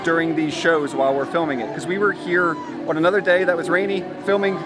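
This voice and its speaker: A man's voice: on the high side, fairly even intonation, quick pace. A man hosting a festival guide video, explaining things casually to viewers. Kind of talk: casual explanatory talk to camera. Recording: noisy outdoor urban ambience.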